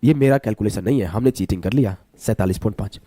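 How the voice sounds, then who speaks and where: A man teaching a live online maths class while unwell. He talks slowly, repeating key terms and asking and answering his own questions. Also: on the low side, mellow, no echo.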